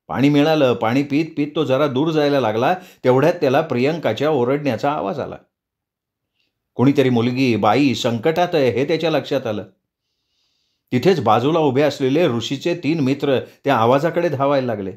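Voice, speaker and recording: A male storyteller reads a novel aloud, audiobook style. He narrates in a steady, expressive way, at an ordinary middle pitch for a man.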